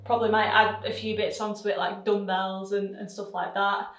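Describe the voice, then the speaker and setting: A woman's voice: mid-range voice, flat delivery, normal speed, a bit bright. A young woman vlogging casually, chatty and laughing as she builds her home gym. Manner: chatty, laughing, swears under breath while building. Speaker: vlogger, personal trainer. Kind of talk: casual vlog chat. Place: basement home gym with bare brick walls. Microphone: camera on a tripod across the room. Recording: echoey room, camera far off, light music.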